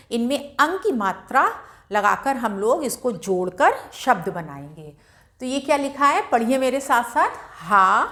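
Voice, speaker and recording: A woman's voice: fairly high pitch, bright, forceful tone. A woman teaching beginners to read at a board, patiently sounding out syllables and repeating them for learners. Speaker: Hindi literacy teacher. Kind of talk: slow board lesson for beginners.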